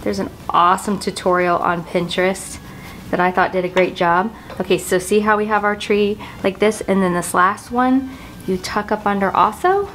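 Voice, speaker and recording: In a low-quality recording with some hiss or hum, a woman in her forties explains a dining room table setting for her home decor vlog, the camera positioned across the table. Her medium-pitched voice is steady and fairly bright at a moderate pace, and her manner is chatty, bubbly and self-teasing.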